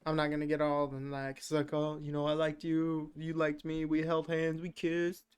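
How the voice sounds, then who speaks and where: A man's voice: fairly high pitch, monotone, moderate pace, clear, resonant tone. A man co-hosting a podcast, recapping a movie in loose, jokey, profane chat full of "uh" and "like". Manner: rambling, filler-heavy, profane, jokey. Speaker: podcast co-host.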